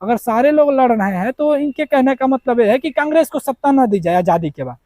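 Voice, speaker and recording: A man's voice: very high-pitched, lively intonation, a little fast, warm tone, no room sound. A man giving a heated political rebuttal to his viewers, combative and firing off rhetorical questions. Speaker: political commentator.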